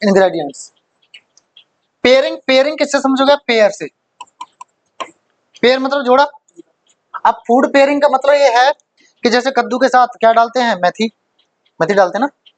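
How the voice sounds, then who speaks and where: A man's voice: extremely high pitch, expressive, moderate pace, long pauses, dry recording. A male teacher giving a vocabulary lesson, who asks questions and then answers them himself, repeating the key words for emphasis.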